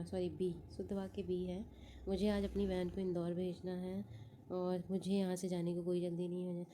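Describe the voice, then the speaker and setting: A woman's voice: lowish voice, mellow, slight background noise. A woman teaching exam prep, going through test answers one by one, repeating each answer and thinking aloud with fillers.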